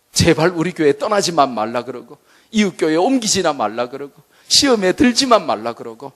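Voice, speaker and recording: Animated, lively preaching pastor man. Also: mid-range voice. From Busan, South Korea. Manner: animated, joking, full of vivid asides. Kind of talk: humorous evangelism sermon. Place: church seminar hall.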